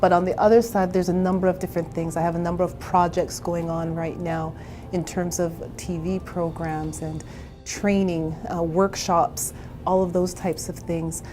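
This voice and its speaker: A woman's voice: fairly low pitch, little pitch movement, normal speed, music in the background. A woman in her forties from Canada, a therapist and entrepreneur, telling her own story in a candid, chatty interview. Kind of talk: personal interview.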